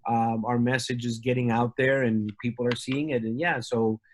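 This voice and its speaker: A man's voice: mid-range voice, fairly even intonation, normal speed, a little hiss or hum. A man from Argentina, a company representative, talking casually in an interview with many fillers and restarts.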